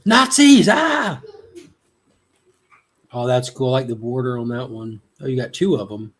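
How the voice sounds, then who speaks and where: A man's voice: medium pitch, level tone, quick pace, a little mellow. A man joining a friend's livestream as a guest, chatting casually, joking around and laughing often. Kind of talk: casual chat.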